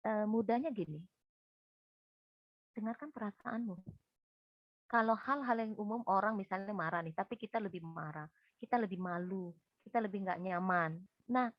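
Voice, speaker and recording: Animated woman speaker, dull dry recording. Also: mid-range voice, no echo. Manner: lively storytelling, often addressing the listeners directly. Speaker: counselor and guest speaker.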